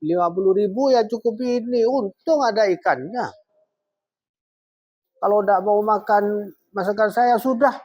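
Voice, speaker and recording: A man acting out a harsh, nagging middle-aged housewife in a high, put-on voice. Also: unhurried, pauses often, a little mellow, husky, dry recording. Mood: scolding. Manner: shrill scolding, turns sugary to guests.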